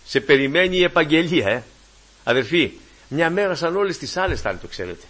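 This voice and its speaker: Fervent preacher man. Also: very animated. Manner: fervent preaching, swings between loud exclamations and low asides. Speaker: pastor. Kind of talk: sermon.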